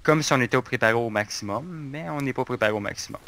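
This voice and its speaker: A man's voice: medium pitch, fast talker, sharp tone. A man, casually chatting and joking while playing a game. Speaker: gamer co-host. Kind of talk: casual gameplay chat.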